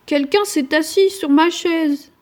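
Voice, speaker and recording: A woman's voice: sits high, takes it slowly, a little mellow, voice pushed up. Woman doing an indignant middle bear. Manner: indignant exclaiming.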